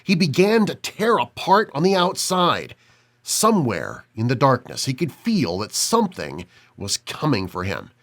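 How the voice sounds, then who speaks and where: A man narrating a suspense audiobook in a measured, dramatic way, dropping low on key words. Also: huge pitch swings.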